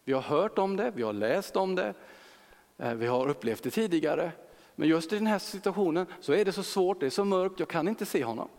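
A man's voice: high voice, expressive, darkish tone, in a large hall. A man preaching a sermon on a Bible passage, earnest, repeating phrases for emphasis and using frequent fillers.

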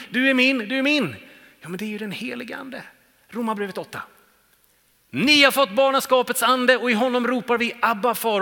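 A man preaching a sermon with rhetorical questions, his voice dipping soft and swelling again. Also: extremely high pitch. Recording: long hall reverb.

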